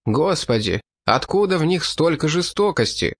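A man reading an audiobook, voicing a shaken, gentle male companion who pleads and protests in an indignant way. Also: fairly high pitch, very animated, normal speed, no room sound, pitched above the performer's own voice. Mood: dismayed.

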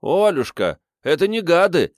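A man's voice: fairly high pitch, big pitch swings, a little slow, no echo, clean studio sound, pitched above the performer's own voice. A man voicing an agitated young man who pleads and waves his arms in an audiobook. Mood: pleading. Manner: shouting, pleading.

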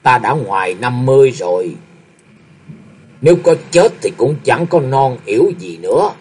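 A man's voice: medium pitch, big pitch swings, moderate pace, darkish tone, slightly rough. A man voicing a stern old male martial arts master, half-paralysed and over fifty, who speaks in a grave, commanding way and often sighs.

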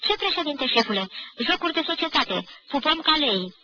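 A woman voicing a burly, boastful male student who talks in a loud, chummy, overfamiliar way, on an old archive recording. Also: very high-pitched, sing-song, dull audio, pitched above the performer's own voice, heavily acted. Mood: brash swagger.

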